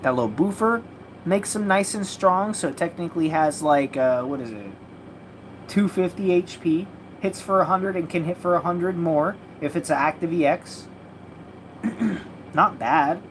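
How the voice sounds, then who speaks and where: A woman's voice: fairly low pitch, unhurried. Rambling, slangy woman streaming card openings. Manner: rambling, slangy, swears freely. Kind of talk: casual livestream chat. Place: home room with a mattress against the wall. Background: faint noise of a party next door.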